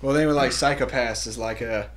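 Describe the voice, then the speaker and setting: Young male co-host, mid-range voice, relaxed and rambling, easy chuckle. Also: medium pitch, fairly quick. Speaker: podcast co-host. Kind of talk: casual joking chat.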